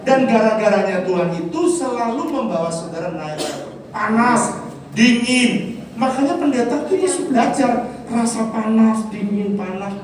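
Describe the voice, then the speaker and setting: A man preaching a sermon as a pastor, telling a personal story. He swings from low, confiding tones to loud, high emphasis, with chuckling asides. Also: far from the mic, a little hiss or hum. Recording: echoey hall, voice from off the mic.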